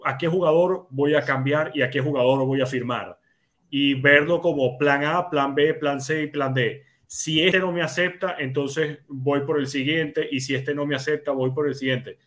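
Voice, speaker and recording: A man's voice: mid-range voice, fairly bright tone. A man giving casual sports commentary as a panelist, reasoning things through step by step.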